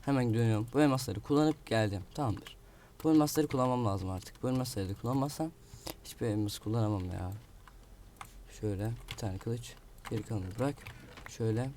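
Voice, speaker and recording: A man at mid pitch talks through his game as he plays it, muttering to himself and grumbling at an annoying opponent. Faint noise sits under his voice. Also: brisk, mellow. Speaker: gaming video creator. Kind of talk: live gameplay commentary. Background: keyboard clicks and typing.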